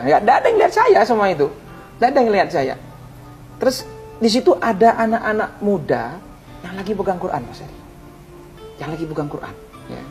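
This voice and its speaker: A man's voice: sits high, darkish tone. A man, an Islamic preacher, giving an emotional testimony in an interview, tearful and prayerful, often calling the host by name. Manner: fervent storyteller who keeps calling the host by name; tearful, prayerful cries to God. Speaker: ustadz, interview guest.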